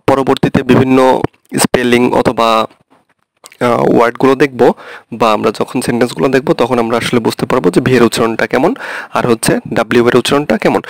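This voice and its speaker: Gravelly-voiced man teaching patiently. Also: medium pitch, dry recording. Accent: Bangladeshi Bengali. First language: Bengali. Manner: patient, repeats each point with frequent check-ins. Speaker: language teacher. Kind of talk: explaining a lesson.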